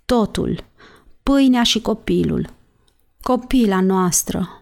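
A woman's voice: medium pitch, lively intonation, creaky, a little mellow. A woman reading the lines of a feverish dying father who rails with a voice trembling with hate. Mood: feverish raging.

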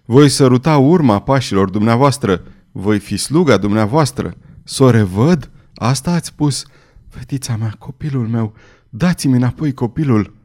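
A frantic young mother in an audiobook, as a male narrator puts her on, her voice pitched well above a man's. She is fierce and desperate and swings between shrill cries and pleading. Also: animated, darkish tone.

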